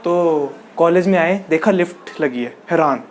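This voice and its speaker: A man's voice: fairly high pitch, unhurried, faint music behind. Chatty young man telling funny stories. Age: young adult. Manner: chatty, laughs through his own lines. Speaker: stand-up comedian. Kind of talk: casual stand-up storytelling.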